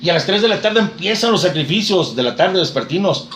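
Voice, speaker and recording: Fast fervent preacher man. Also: high-pitched, expressive, a bit bright, reverberant, slight background noise. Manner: fervent storytelling, quotes scripture. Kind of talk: sermon retelling scripture.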